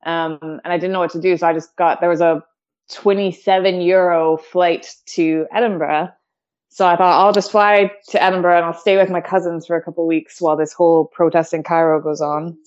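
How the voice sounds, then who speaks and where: A woman from Canada chatting in a relaxed interview, laughing often and using lots of fillers. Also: lowish voice. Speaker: guest. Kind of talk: casual conversation. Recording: dull lo-fi audio.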